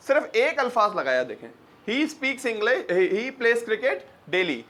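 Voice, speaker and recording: A man's voice: high-pitched, fairly bright tone. A man teaching English grammar in a lecture, asking rhetorical questions with emphasis. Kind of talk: lecture mixing Urdu and English.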